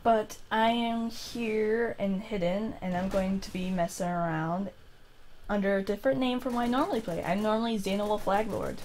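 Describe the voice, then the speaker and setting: Woman, gameplay commentator, casual and chatty, explaining plans as she plays; mid-pitched, faint background hiss. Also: fairly even intonation, moderate pace, a little mellow.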